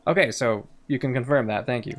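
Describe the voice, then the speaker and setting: A woman's voice: very deep voice, a little fast, soft background music. A woman commenting casually on a game as she plays, thinking aloud in a chatty way. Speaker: game streamer. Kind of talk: casual let's-play commentary.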